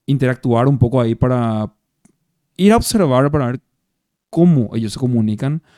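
Chatting casually with an interviewer over beers at a bar or café, a Paraguayan actor sounds reflective, restarting often and leaning on tag questions, in a Paraguayan Spanish accent. His medium-pitched, warm voice is expressive at a normal speed, with studio quality and no room sound.

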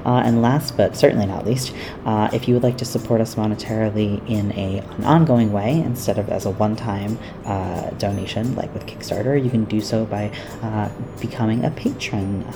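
Very deep-voiced woman, lower-quality audio. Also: normal speed, over music. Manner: relaxed and chatty, with many ums and uhs. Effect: lower-quality audio, recorded away from the usual setup. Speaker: podcast host. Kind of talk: casual mid-roll announcements. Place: workplace, not the usual studio.

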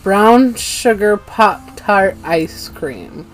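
A woman's voice: mid-range voice, animated, drawn-out words, soft background music, low-quality recording. A woman co-hosting a casual podcast, delivering jokes dryly before breaking into laughter. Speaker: podcast co-host.

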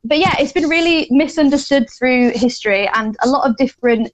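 A woman's voice: high-pitched, fairly quick, poor audio. A woman co-hosting a podcast in casual chat, playful and laughing often as she talks. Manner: giggly, playful, laughs between lines. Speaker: podcast co-host.

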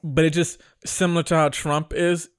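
A man's voice: on the high side, level tone, normal speed, clean tone, no echo. A man co-hosting a casual chat, laid-back and chiming in with short agreeing replies.

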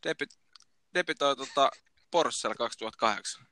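A man co-hosting a casual podcast chat over a remote call, relaxed and chatty with hesitant fillers. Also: medium pitch, dry recording, clean studio sound. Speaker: podcast co-host. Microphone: remote call recording.

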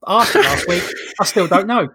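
A man's voice: sits high, animated, fairly quick, pushed and bright, slightly rough. A British man hosting a casual podcast chat with a jokey, sarcastic manner. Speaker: podcast host. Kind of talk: casual comedic wrestling review chat.

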